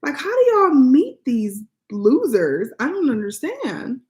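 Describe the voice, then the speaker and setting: A woman's voice: sits high, huge pitch swings, slow, darkish tone. American woman chatting candidly. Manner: candid, informal, swearing freely. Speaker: vlog co-host. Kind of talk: casual opinionated chat.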